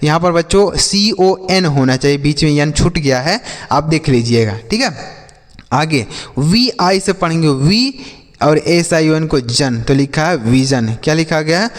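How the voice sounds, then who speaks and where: Male phonics teacher, slightly high voice, patient drilling, long echo. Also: lively intonation, measured pace. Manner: patient, repeats questions and answers to drill pupils. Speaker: English teacher. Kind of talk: classroom-style phonics lesson. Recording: long hall reverb.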